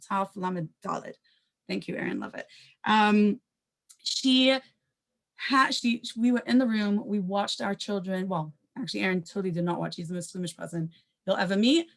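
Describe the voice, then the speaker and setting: A woman on a panel telling a personal story, talking quickly and conversationally, with asides and self-corrections and Hebrew terms mixed in. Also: mid-range voice.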